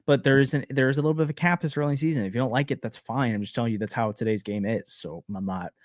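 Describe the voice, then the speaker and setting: A man's voice: mid-range voice, dry recording, clean studio sound. Man in casual baseball talk. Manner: hedging, filler-heavy, quick restarts. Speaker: podcast co-host.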